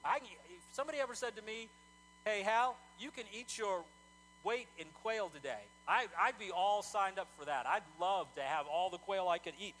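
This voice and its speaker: A male pastor preaching a sermon in a conversational, animated way, often repeating words as he talks. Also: sits high, moderate pace, background noise.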